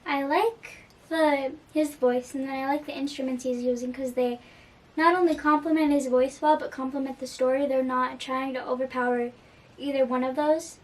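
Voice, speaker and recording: A young woman with a high voice chats earnestly about music in a casual reaction video, dropping in plenty of fillers. She sits a little back from the mic, so the sound sits at a distance. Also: fairly even intonation, normal speed. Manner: earnest and chatty, with frequent fillers.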